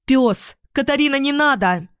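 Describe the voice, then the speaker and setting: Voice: medium pitch, fairly even intonation, unhurried, darkish tone, no echo, close to an everyday voice. A narrator voicing an impulsive young woman who cries out in fear, in a dry close recording. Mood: screaming.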